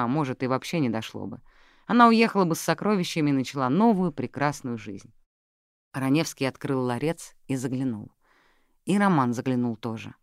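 An audiobook narrator reading a detective novel with a steady, even delivery. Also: medium pitch, dry recording, clean studio sound. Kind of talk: scripted narration.

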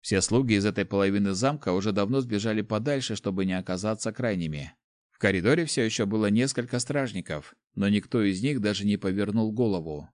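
A man narrating a first-person story as an audiobook, in an even, measured way. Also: fairly low pitch, no room sound, clean studio sound.

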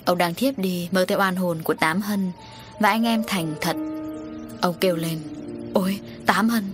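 A woman narrating a dramatic audio story in a brisk, expressive way. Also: fairly low pitch, over music.

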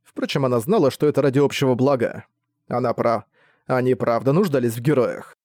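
A man narrating a novel in a steady, plain reading voice, recorded close to the mic. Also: medium pitch, fairly quick, no room sound. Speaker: audiobook narrator. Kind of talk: scripted narration.

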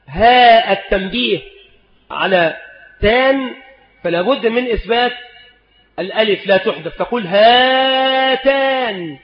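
Man scholar teaching a lesson, slow and deliberate, high-ish voice, dull old recording. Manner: slow, deliberate, spells out examples. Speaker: Islamic scholar teaching spelling rules. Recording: echoey hall, dull lo-fi sound.

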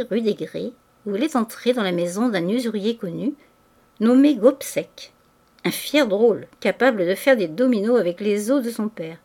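A woman's voice: medium pitch, darkish tone, close to an everyday voice. A woman reading as Vautrin, a sly burly joker. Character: burly, sly, swaggering middle-aged man lodger. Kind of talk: audiobook reading.

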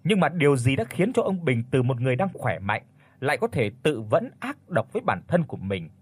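A man narrating a horror audiobook in a dramatic, expressive storytelling voice. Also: mid-range voice, fairly quick, slightly rough.

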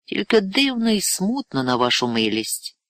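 A man's voice: high-pitched, huge pitch swings, normal speed, sharp tone, no echo, pitched above the performer's own voice, full character voice. A man voicing a weary, grumbling young novice monk in an audiobook reading.

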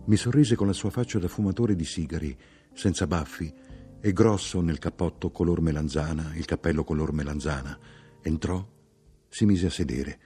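A man giving a measured, expressive literary audiobook reading. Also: a bass voice, faint music behind. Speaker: audiobook narrator.

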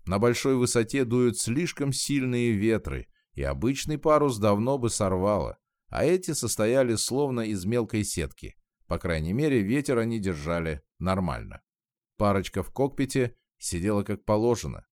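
Low-voiced guy reading a novel aloud, lots of swing in the voice, dry close mic. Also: sing-song, normal speed, darkish tone, dry recording. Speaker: audiobook narrator. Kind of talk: scripted narration.

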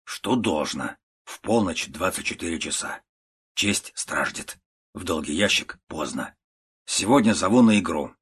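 A stern, unshakable old uncle , as a man reads him out in a storybook. He speaks in curt, clipped phrases, low and husky. Quiet and level throughout. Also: animated, measured pace, heavily acted. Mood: stern, calm. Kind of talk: storybook reading.

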